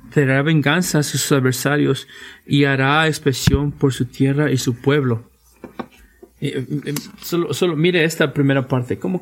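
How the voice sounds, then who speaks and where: A man preaching a sermon to his church, earnest and emphatic, with frequent restarts and repeated rhetorical questions. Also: mid-range voice. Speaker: pastor.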